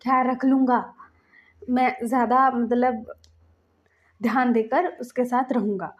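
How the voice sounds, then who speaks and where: A woman's voice: on the high side, steady tone, measured pace, dull audio, lightly acted. A woman voicing an earnest lovestruck young man who pleads and protests in casual slang. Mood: earnest, protesting.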